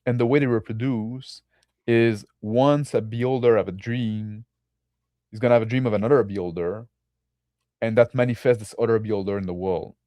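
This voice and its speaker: Low-voiced man rambling about tabletop games. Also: fairly even intonation, moderate pace, warm tone, no echo, clean studio sound. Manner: rambling, many fillers and restarts. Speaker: podcast co-host.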